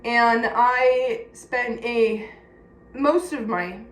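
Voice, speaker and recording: Talking very slowly in a slightly high voice, this woman with a Californian accent confides in her viewers, blunt and casual. She's a personal vlogger from California, United States, recorded in an echoey room where faint noise hangs in the background.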